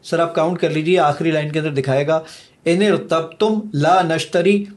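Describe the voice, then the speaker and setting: A man's voice: fairly high pitch, fairly even intonation, a little mellow. A man eagerly demonstrating his own app in a podcast conversation, counting seconds aloud. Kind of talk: podcast conversation, product demo.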